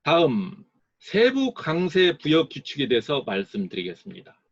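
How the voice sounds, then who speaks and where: A man giving a recorded lecture as an English teacher, explaining slowly and sounding out words to model their stress. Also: a little high, huge pitch swings, no echo, dull audio.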